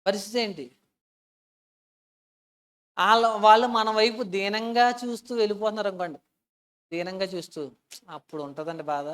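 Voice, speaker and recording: A woman preaching a sermon with personal stories, earnest and emotional, often asking her listeners questions and swinging from soft to loud. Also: medium pitch, moderate pace, pauses often.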